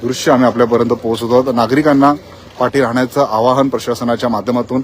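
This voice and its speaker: A man reporting live from the scene of a factory fire, in a quick, repetitive on-the-spot news style. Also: medium pitch, steady tone, slight background noise. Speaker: field reporter.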